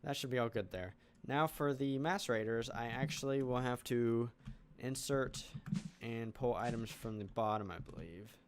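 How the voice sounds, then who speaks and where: A man's voice: mid-range voice, normal speed, few pauses, a little hiss or hum. A man hosting a game channel, thinking aloud in casual let's play commentary as he builds. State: hiccuping. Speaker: gaming channel host.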